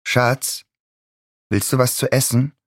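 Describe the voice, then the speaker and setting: A man voicing an overbearing middle-aged mother who speaks in a sweet, cloying, falsely gentle way. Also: mid-range voice, fairly even intonation, slow, no echo, studio quality, voice pushed up. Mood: sugary.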